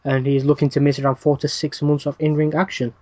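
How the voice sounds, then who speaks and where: Male podcast host, brisk casual news rundown, dry asides, bit higher register. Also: level tone, a little mellow, dry recording. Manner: reads news items quickly with frequent "uh" fillers and dry asides.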